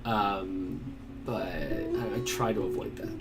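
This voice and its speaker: A man's voice: fairly low pitch, fairly even intonation, slow pace. A man working as a game master, talking to himself in a casual, rambling way with many fillers while he plans his game. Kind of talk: casual solo stream prep, thinking aloud. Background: guitar music.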